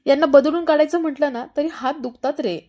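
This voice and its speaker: A woman's voice: high voice, a little mellow, pitched above the performer's own voice, lightly acted. A woman voicing a stern, worried elderly grandfather who scolds in a raised, exasperated voice. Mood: scolding. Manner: scolding, exasperated, fast-talking.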